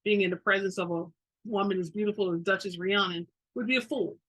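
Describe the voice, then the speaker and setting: A woman's voice: medium pitch, fairly quick, a bit bright, dry recording, lightly acted, low-quality recording. A woman voicing a loyal young male lieutenant in a story reading, formal and deferential. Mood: respectful.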